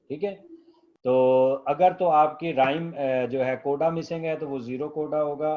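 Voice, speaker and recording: A middle-aged male professor giving a classroom lecture, slow and patient, checking often that students follow and dictating definitions word by word. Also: medium pitch. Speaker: professor teaching linguistics. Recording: dull lo-fi classroom recording.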